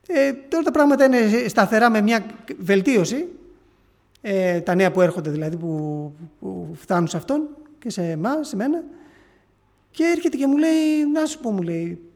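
A man preaching, retelling a story in an earnest, halting way with frequent restarts. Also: high voice, animated, a little mellow. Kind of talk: sermon testimony.

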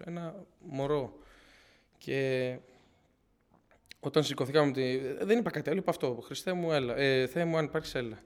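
Young man, earnest church testimony, personal faith story, repeats himself, frequent restarts. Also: on the high side. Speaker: church member giving testimony.

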